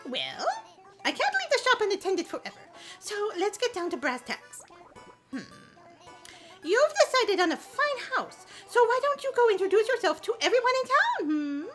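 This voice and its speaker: Fussy raccoon shopkeeper played by a woman, businesslike, bright voice that keeps saying "yes, yes". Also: extremely high pitch, sing-song, moderate pace, soft background music, full character voice. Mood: mock-formal.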